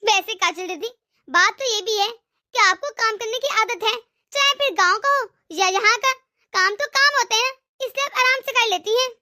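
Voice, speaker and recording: A woman's voice: extremely high pitch, moderate pace, pushed and bright, heavily acted. A woman voicing a sweet-talking but scheming sister-in-law. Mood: sugary.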